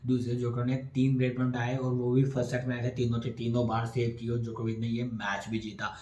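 Young male tennis vlogger, monotone recap delivery, roomy indoor sound. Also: medium pitch, a little fast. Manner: chatty, repetitive phrasing, addresses viewers as friends. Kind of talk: post-match analysis to camera. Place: small indoor room. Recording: echoey room.

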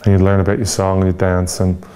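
This interview guest is an Irishman in his forties with a deep, warm voice that holds to a monotone. He talks openly and thoughtfully, with frequent pauses, filler words and false starts.

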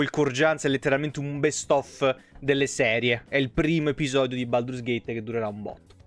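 A young man with an Italian accent and a sore throat, streaming a game from home on a headset mic and chatting casually, greeting viewers by name and swearing freely. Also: fairly high pitch. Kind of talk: casual live-stream chat. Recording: faint music behind.

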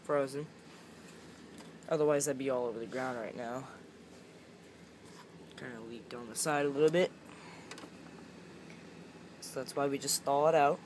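Slow-paced young man filming a casual vlog. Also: medium pitch, fairly even intonation, a little mellow. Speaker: vlogger filming a challenge. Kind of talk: casual chat. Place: indoors at home, kitchen and carpeted room. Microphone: handheld phone camera, held by speaker. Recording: home video with background noise.

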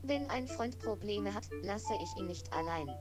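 Synthetic voice of a cheerful little game character. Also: female voice, mid-range voice, animated, normal speed, lightly acted. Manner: stiff, computer-generated speech with odd melody. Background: loud game music.

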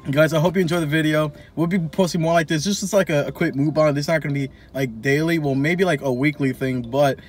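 A man's voice: a little high, steady tone, quick pace, few pauses, soft background music. A young man chatting casually on a couples vlog, telling a story in a rambling way with lots of fillers. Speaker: vlogger. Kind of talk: casual chat.

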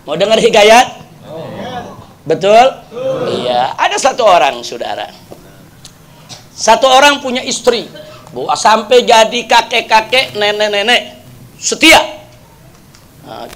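High, bright-voiced preacher with speech. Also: male voice, slight background noise. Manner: lively, playful, addresses the congregation directly. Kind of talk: humorous sermon storytelling.

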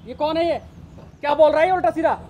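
A man's voice: extremely high pitch, fast talker, mellow, a little hiss or hum. A middle-aged man arguing angrily in the street, threatening and incredulous. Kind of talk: heated street argument.

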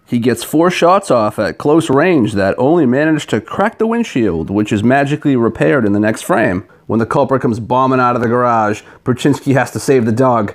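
A man narrates a comedic video review as a scathing critique. His delivery is sarcastic and foul-mouthed, tearing into his subject as host. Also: mid-range voice.

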